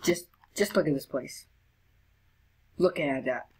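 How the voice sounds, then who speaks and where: Low-voiced unhurried woman gaming. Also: husky. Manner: chatty, with high excited squeals. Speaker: gamer. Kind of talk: let's play commentary.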